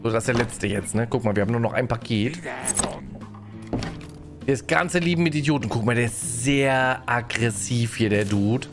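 A man with a medium-pitched voice streams a game live at a normal speed, with music in the background. He chats, greets his viewers, and often finishes his sentences with a questioning "ne?".

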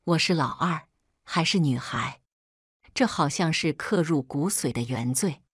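A woman narrating a first-person story in a steady, somber scripted style. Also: sits low, a little slow, husky, no echo, clean studio sound.

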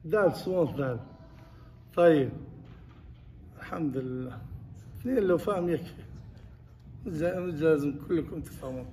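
A man's voice: on the high side, moderate pace, pauses often, darkish tone. A man teaching a class on Quran recitation, repeating points and putting questions to his students. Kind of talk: classroom lesson. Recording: distant mic with faint noise.

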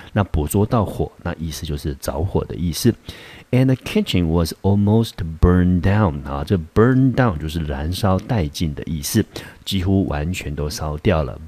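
Low-voiced teacher explaining patiently. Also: male voice, darkish tone, husky, no echo. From Taiwan. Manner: patient explaining, frequent filler particles, slows to read English examples. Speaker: English teacher. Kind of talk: recorded classroom vocabulary lesson.

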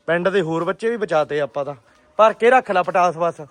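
A man with a fairly high voice narrates a casual vlog as a pigeon keeper. He talks in an animated way and often repeats short phrases for emphasis. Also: a little fast, dry recording. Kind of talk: casual outdoor vlog commentary.

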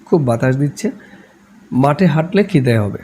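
A man's voice: medium pitch, animated, normal speed, a little mellow, a little hiss or hum, lightly acted. A man voicing a playful, mischievous young uncle in a storybook reading, teasing and exuberant.

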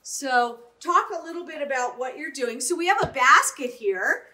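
A woman's voice: high-pitched, expressive, moderate pace, pushed and bright. A middle-aged woman chef giving an upbeat cooking demonstration in a home kitchen, often checking in with "right?".

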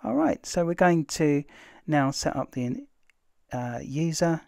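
A man, casually talking through a computer tutorial as host, relaxed and filled with "uh" pauses. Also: fairly high pitch, dry recording, studio quality. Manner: relaxed, chatty, many "uh" fillers. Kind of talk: casual screen-recorded tutorial narration.

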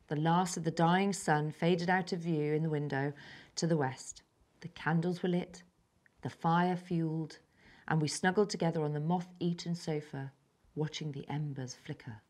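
A schoolgirl of about ten from England, reading aloud her own story with careful, even delivery and soft, breathy moments. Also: sits low, moderate pace. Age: child, about 10. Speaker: young story author.

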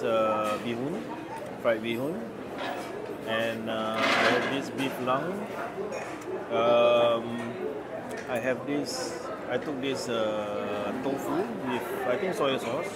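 A man's voice: mid-range voice, heavy background noise. A man in his forties with a Malaysian accent, giving a casual food review, switching between Malay and English and humming as he tastes. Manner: mixes Malay and English, savouring with hums between bites. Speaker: food vlogger. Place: busy indoor cafe. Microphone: phone camera at table. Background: loud diner chatter.

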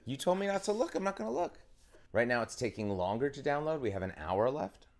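Man, game streamer, joking, playful, animated pitch. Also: fairly quick. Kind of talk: casual chat on a game stream.

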